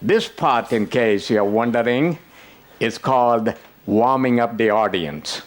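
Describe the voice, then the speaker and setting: An older man presents a conference workshop, addressing the audience directly and teasing them with jokes in an interactive talk. His voice is medium in pitch and expressive, and he speaks slowly.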